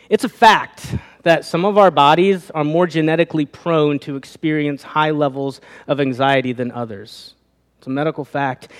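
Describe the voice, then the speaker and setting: A pastor preaching a sermon, asking his listeners rhetorical questions, his voice rising and falling. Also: on the high side. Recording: long reverb of a hall.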